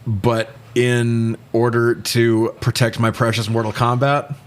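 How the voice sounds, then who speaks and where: A podcast co-host talks movies casually, blunt and full of swearing. His mid-range voice holds a level tone at a slow pace.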